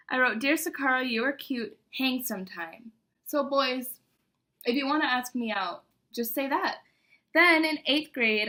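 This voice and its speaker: A woman's voice: sits high, pushed and bright. A young woman chatting casually to viewers as she reads aloud from an old diary, embarrassed and poking fun at herself. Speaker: vlogger.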